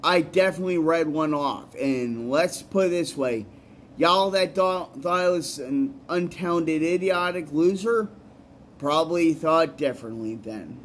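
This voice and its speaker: A man's voice: a little high, unhurried, a little hiss or hum. A man, a musician and poet, giving rambling, earnest advice in a casual vlog, often repeating himself.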